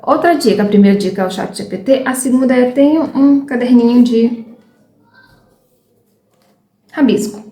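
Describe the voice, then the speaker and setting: A woman's voice: on the high side, moderate pace, long pauses, warm tone, roomy sound. Chatty Brazilian woman in her thirties. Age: 30s. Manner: chatty, frank, loses her train of thought. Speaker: vlogger learning English. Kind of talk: casual chat to viewers.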